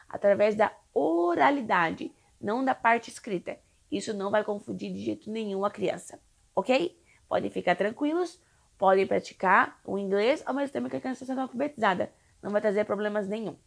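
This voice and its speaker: In a casual explainer video, a young woman from Brazil, an English teacher for kids, chats reassuringly and keeps adding tag questions. Her voice is on the high side with vocal fry.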